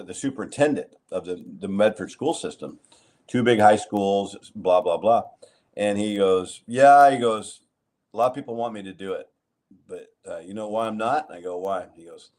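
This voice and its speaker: A man hosting a talk show, telling a long anecdote in a rambling, animated way with many fillers. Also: lowish voice. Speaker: host. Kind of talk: casual chat, anecdotal storytelling.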